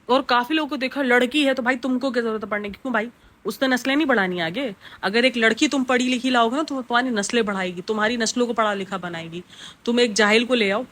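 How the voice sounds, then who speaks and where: A woman's voice: on the high side, fairly bright tone. A woman, rambling through a casual reaction vlog with lots of fillers. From Pakistan. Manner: chatty, rambling, with many fillers. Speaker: reaction vlogger.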